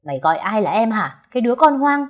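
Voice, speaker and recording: A woman voicing a spoiled, hot-tempered young woman who yells and whines in a shrill voice in an audio story. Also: normal speed, natural voice. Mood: furious. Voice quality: shrill, shouting. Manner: yelling and whining.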